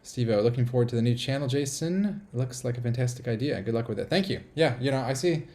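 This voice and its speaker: A man's voice: medium pitch, fast, darkish tone. A man from the United States hosting a casual live stream from a small apartment, rambling upbeat and reading viewer comments aloud.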